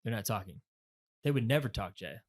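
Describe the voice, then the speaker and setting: A man in his thirties, a podcast co-host, telling a lively story in casual chat, acting out the lines he quotes and swearing freely. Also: on the low side, a little fast.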